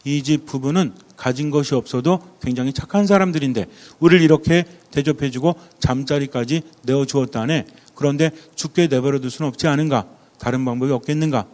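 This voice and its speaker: A man voicing a wise, calm old male angel who explains patiently. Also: mid-range voice, a little fast, long reverb tail, natural voice.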